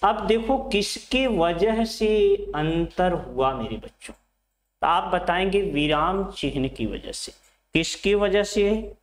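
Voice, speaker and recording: A middle-aged man teaching Hindi to exam students, repeating phrases, asking questions and answering them himself, and calling his students his children. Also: on the high side. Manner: addresses students fondly as children. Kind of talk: classroom lecture at a board. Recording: echoey room.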